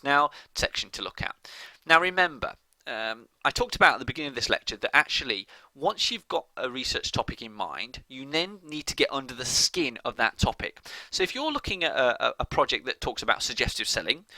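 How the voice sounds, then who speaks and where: A man's voice: medium pitch, pushed and bright, dry recording, rough recording. A man, a college lecturer, explaining step by step in a recorded lecture, often restarting phrases and checking in with "okay?".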